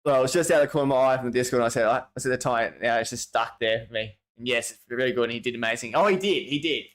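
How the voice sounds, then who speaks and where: A man's voice: medium pitch, racing, a bit bright. An Australian man hosting a livestream, chatting casually in a rambling, slangy way as he reads out viewer messages. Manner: rambling, slangy, restarts often. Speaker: livestream host.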